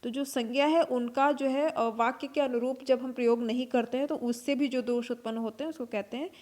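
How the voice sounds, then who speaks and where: Woman teacher, slightly high voice, patient step-by-step lecturing style. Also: fairly even intonation, brisk, a little mellow. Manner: explains step by step, repeats terms, frequent "ठीक है" and fillers. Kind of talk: classroom lecture.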